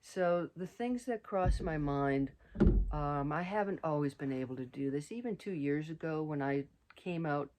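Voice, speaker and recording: A woman's voice: deep voice, normal speed, darkish tone. A middle-aged woman vlogging casually outdoors on a mountain trail, rambling with many fillers and restarts. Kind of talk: casual hiking vlog.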